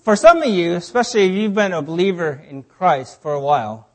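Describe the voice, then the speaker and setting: A high-pitched man gives a sermon in short bursts, then pauses while an interpreter translates. His delivery is measured and plain, and each phrase is kept brief so it can be handed on. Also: expressive. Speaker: preacher.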